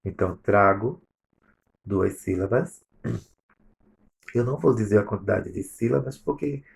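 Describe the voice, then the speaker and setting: A Brazilian man with a lowish, gravelly voice goes over exercise answers like a teacher. He explains step by step and reads each answer aloud at an even, steady clip. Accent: Brazilian Portuguese. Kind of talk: recorded remote lesson review.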